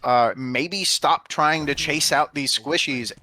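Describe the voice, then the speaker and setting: Slow-paced, bright-voiced male esports analyst. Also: fairly high pitch. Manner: measured, halting, repeats phrase openings while explaining.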